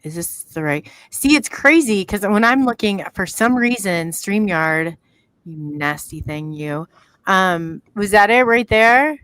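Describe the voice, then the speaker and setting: A middle-aged woman with an Iowan accent, a podcast host, leads a casual live-stream chat over a video call, rambling and drifting off mid-thought as she works the screen. Her medium-pitched voice is expressive, smooth, and a bit bright, a little slow, with no echo.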